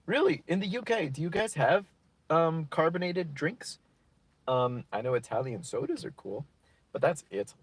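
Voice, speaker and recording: A man's voice: a little high, expressive, normal speed, slightly rough, dry recording. Goofy rambling man hosting a livestream. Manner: rambling, goofy, improvises silly rhymes. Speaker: livestream host. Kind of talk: casual livestream chat, reading comments.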